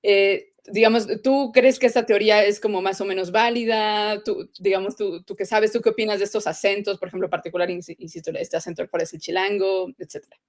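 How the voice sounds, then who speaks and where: A Mexican woman with a mid-range voice leads a relaxed interview. She talks in a chatty way, pads her questions with fillers and checks in with short questioning tags. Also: mid-range voice, brisk. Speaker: editor and interviewer. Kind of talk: casual interview.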